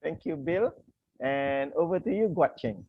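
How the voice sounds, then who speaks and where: A man's voice: fairly high pitch, animated, unhurried. Male coach hosting a video call, polite, filler-heavy delivery, muffled line. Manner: frequent "uh" fillers and restarts, courteous. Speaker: coach hosting an online session. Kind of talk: welcoming, explanatory talk with fillers. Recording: dull lo-fi video call audio.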